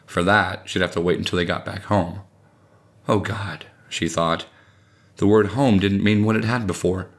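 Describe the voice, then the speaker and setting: A man reading a short story aloud in steady, measured audiobook narration. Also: sits low.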